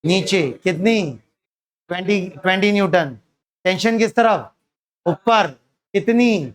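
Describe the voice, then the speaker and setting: A man's voice: high voice, takes it slowly. A man teaching a physics lesson to students. He keeps asking them questions and then answers them himself. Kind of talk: classroom lecture.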